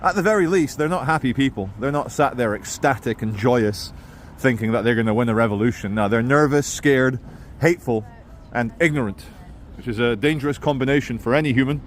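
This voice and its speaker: A man's voice: mid-range voice, a little fast. A man talking in a rambling, opinionated monologue as he records a walking vlog outdoors in a city. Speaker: vlogger. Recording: outdoor city and traffic noise.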